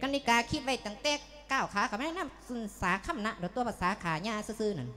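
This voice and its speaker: A woman's voice: medium pitch, lively intonation, fast talker, sharp tone. A woman with an Isan accent, playing a scheming wife in a sermon drama and teasing her partner.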